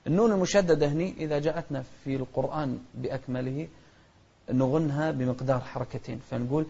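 A man gives a patient recitation lesson, darting through explanations and then slowing to chant each example carefully. His voice is soft and mellow, captured on a dull, lo-fi recording. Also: medium pitch, vocal fry. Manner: patient, demonstrates pronunciation with slow chanted examples and quick explanations. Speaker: Quran recitation teacher.

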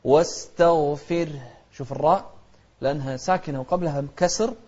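A man teaching tajweed, chanting verses slowly and then explaining the rules in quick, quieter asides. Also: medium pitch, highs cut off. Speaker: Quran recitation teacher. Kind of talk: tajweed lesson, recitation alternating with explanation.

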